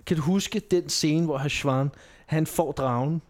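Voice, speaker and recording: Slightly high-voiced teasing man. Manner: teasing, prodding questions, deadpan jokes. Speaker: podcast co-host. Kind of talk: casual comedic chat.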